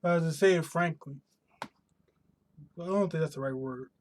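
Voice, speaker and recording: A man's voice: fairly high pitch, moderate pace, slight background noise. An American man chatting casually on a live stream from his home room, rambling and rephrasing himself, his voice a bit worn from pollen. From United States. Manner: rambling, restarts and rephrases often. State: voice slightly worn from pollen allergy.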